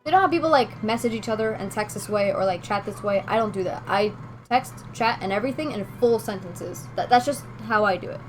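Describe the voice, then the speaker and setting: A Venezuelan woman streams a game live, chatting casually and rambling as she answers viewers, with music in the background. Her voice is medium-pitched and brisk, and the audio quality is poor.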